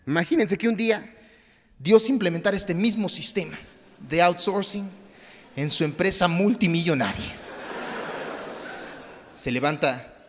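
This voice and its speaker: A young Mexican man performs stand-up into a handheld mic, his voice riding high in pitch. He slips into hushed asides and then erupts into loud, exaggerated rants. The sound carries a long theater reverb. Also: unhurried, pauses often, slight background noise. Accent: Mexican Spanish. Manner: swings from low asides to loud mock outbursts. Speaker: stand-up comedian. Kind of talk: stand-up comedy set. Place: large theater stage.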